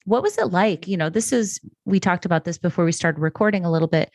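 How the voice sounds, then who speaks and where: A woman hosting a podcast, asking questions and affirming her guest in a friendly way. Her voice is fairly low, and the recording is dry and close with no room sound. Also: fast talker, a little mellow, no echo. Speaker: podcast host. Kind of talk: casual interview conversation.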